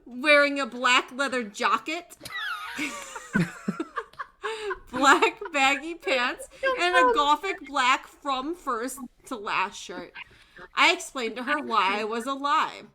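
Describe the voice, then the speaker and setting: A woman's voice: sits high, expressive, slow pace, a crowd in the background. A young woman streamer giving a comedic dramatic reading of narration, often breaking into laughter. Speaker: streamer hosting a group reading.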